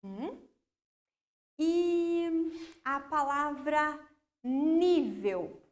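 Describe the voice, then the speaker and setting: A woman with a high, bright voice and a Brazilian accent teaches a recorded school lesson. She speaks slowly and patiently, stressing words syllable by syllable so children can follow. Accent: Brazilian Portuguese. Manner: slow, patient, emphatic syllable-by-syllable explanation.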